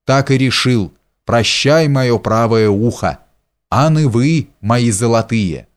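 Man voicing robber chief, boisterous, bold, slow delivery. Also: medium pitch, expressive. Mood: joyful. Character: freed robber chief, bold and warm-hearted.

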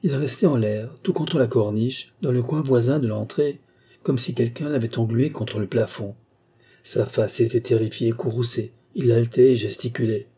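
A man narrating an audiobook in a very dark, mellow voice. His tone has a husky grain, and his reading is measured and even. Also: mid-range voice. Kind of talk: scripted narration.

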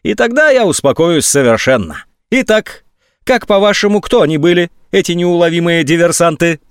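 A man reading a story aloud, voicing a scornful army general who mocks his subordinate in a high, sneering voice. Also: big pitch swings, a little fast, no echo, studio quality. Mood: sarcastic. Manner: mocking, sneering, sometimes shrill. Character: sarcastic, scornful male army general on phone.

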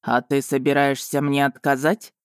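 A woman's voice: a bass voice, flat delivery, smooth, no room sound, clean studio sound. Woman voicing Vargan, a proud male dragon. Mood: calm. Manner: cool, measured, faintly mocking.

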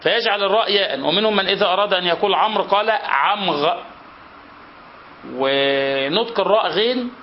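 A man's voice: high voice, fast talker, few pauses, muffled recording, a little hiss or hum. A man with an Egyptian accent, a sheikh teaching a classical literature class, who reads from the text and patiently repeats each example to explain it. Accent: Egyptian Arabic.

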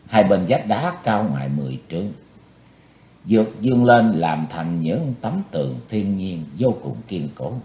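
A man's voice: fairly low pitch, very animated, measured pace, warm tone. A man narrating a martial-arts novel as an audiobook, telling it in a dramatic, varied way. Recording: roomy echo.

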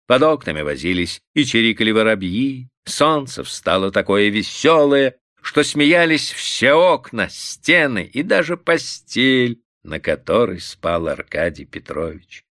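A man narrating a literary story in an expressive, lively reading. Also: mid-range voice, no echo, studio quality.

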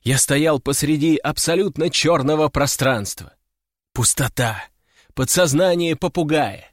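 A man's voice: fairly high pitch, no echo. Male audiobook narrator, dry close voice. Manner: first-person storytelling, wry and measured. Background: faint music.

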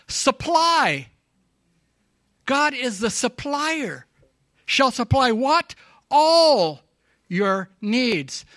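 A man preaching to his church, his high voice rising as he presses each point and throws questions to the congregation. The tone is bright and forceful, and the sound is dry and close. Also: dry recording. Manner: emphatic, asks the congregation questions; gets emotional. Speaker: pastor. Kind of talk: sermon.

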